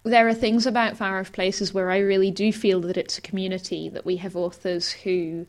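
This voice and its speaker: A woman podcast host and editor who explains things in an easy, gently self-mocking way. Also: medium pitch, steady tone, normal speed. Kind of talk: casual podcast chat.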